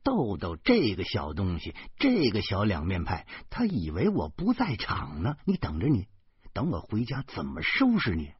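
A man narrating an audiobook in a lively, colloquial storytelling manner. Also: fairly low pitch, normal speed, slightly rough, no echo, dull audio.

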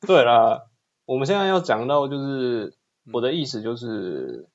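A man's voice: mid-range voice, very animated, measured pace, lo-fi sound. A man with a Taiwanese accent chatting casually as a podcast co-host. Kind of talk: casual chat.

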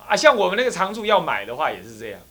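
Taiwanese monk-lecturer, Taiwanese Mandarin accent, bright, very animated storytelling delivery. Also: male voice, high-pitched, racing, slightly rough. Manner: animated, laughing, acts out characters and sound effects. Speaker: Buddhist monk, temple abbot.

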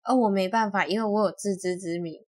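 A woman's voice: medium pitch, fast, no echo. A young woman speaks Mandarin with a Taiwanese accent as co-host of a casual podcast. She chimes in often with short agreeing remarks, in an easygoing manner. The recording is close and dry, with no room sound. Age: 20s. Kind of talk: casual chat.

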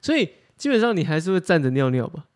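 Teasing man, higher voice. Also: very animated, fast. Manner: teasing, wry questioner. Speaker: podcast co-host. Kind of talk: casual chat.

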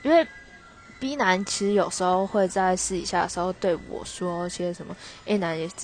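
A woman's voice: lowish voice, normal speed, faint music behind. A young woman hosts a podcast, telling a personal story in a rambling, hesitant way that keeps correcting itself. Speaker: podcast host.

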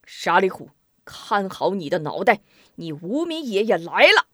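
A woman's voice: on the high side, brisk, darkish tone, slightly rough, no room sound, studio quality. Woman voicing a fearless old swordsman. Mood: defiant. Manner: bold, hearty.

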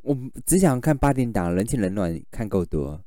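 A man's voice: on the low side, sing-song, normal speed, warm tone, a little hiss or hum. A man with a Taiwanese accent in casual banter, teasing and playfully asking questions of his conversation partner.

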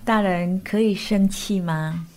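A woman telling a children's story and speaking gently to young listeners as their teacher. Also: mid-range voice, slow pace, soft background music. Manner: gentle, coaxing, speaks to kids.

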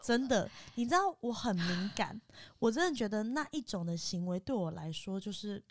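A woman's voice: mid-range voice, animated, moderate pace, dry recording. A young woman co-hosting a casual chat, reacting with short remarks and blunt, teasing opinions. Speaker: podcast co-host.

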